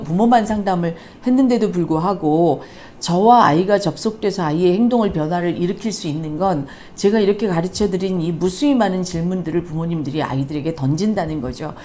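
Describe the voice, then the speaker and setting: A woman's voice: lowish voice, brisk, dark tone. A woman counselor giving parenting advice as a lecture, asking the listener rhetorical questions and acting out what parents say. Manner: acts out parents' lines in quotes.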